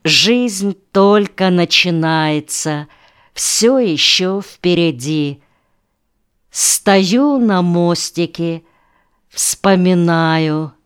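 A woman narrating an audiobook in a measured, unhurried reading with pauses between phrases. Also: fairly low pitch, lively intonation, smooth. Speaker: audiobook reader.

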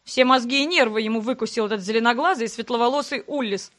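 A woman's voice: on the high side, quick pace, fairly bright tone, natural voice. A woman reading the part of a teasing young man, the heroine's brother, in a mocking, grumbling tone.

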